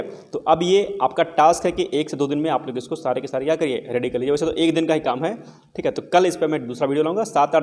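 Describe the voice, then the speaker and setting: Brief: young male exam coach, slightly higher voice, casual and encouraging, keeps asking and answering his own questions. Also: a little mellow. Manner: repeats questions and answers them himself. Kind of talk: explaining vocabulary to students.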